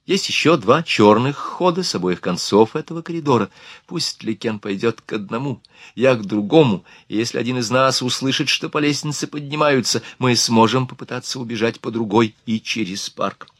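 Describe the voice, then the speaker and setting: A man voicing a calm, unflappable young woman with a dry manner, in an audiobook. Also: medium pitch, moderate pace, dry recording.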